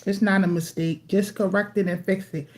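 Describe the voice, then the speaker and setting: A woman's voice: mid-range voice, fairly even intonation, normal speed, a little mellow. A woman doing a casual livestream tarot reading at home, chatty and informal, calling her viewers y'all and eating as she talks. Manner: chatty, eats while talking, addresses viewers as y'all. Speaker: tarot card reader. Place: at home with TV playing.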